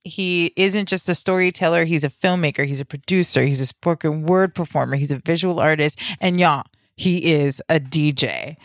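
A woman's voice: on the low side, dry recording, clean studio sound. A woman co-hosting a podcast in a bubbly, enthusiastic casual chat. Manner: bubbly, enthusiastic, lively reactions. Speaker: podcast co-host.

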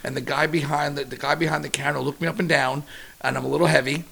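A middle-aged man, a chef, chatting casually in an interview as an animated, slightly profane storyteller. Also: a little high, fast talker, creaky, husky.

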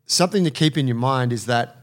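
A man co-hosting a casual podcast, animated and profane, often acting out what people think in their heads. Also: medium pitch, fast. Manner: swearing, animated, acts out inner voices. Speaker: podcast co-host.

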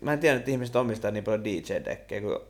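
Young man telling a story, animated. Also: lowish voice. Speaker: podcast co-host. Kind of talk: casual chat.

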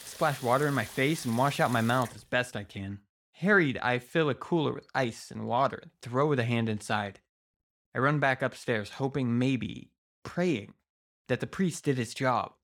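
A man's voice: mid-range voice, normal speed, a bit bright. A man narrating a first-person horror story in a suspenseful, theatrical manner. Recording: prominent music behind voice.

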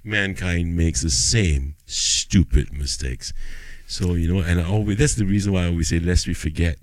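A man's voice: sits low, moderate pace, no echo. A middle-aged Singaporean man hosting a casual conversation, speaking colloquial English with a Singlish flavour. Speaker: podcast host.

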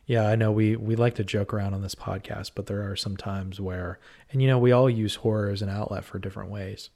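A male podcast co-host talks in a loose, joking way, teasing his co-host and riffing on ideas. His voice sits on the low side of the male range. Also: fairly even intonation, brisk, vocal fry, darkish tone. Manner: playful, joking. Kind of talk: casual chat.

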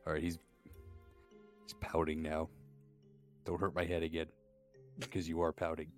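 A man with a low voice banters as a tabletop game player. His remarks are dry and casual, over faint music. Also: monotone, normal speed.

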